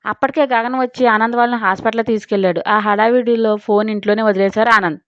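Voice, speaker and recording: A woman narrating a romantic audio story in a steady, dramatic reading style. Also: on the high side, fast, no room sound. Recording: dry, slightly dull recording.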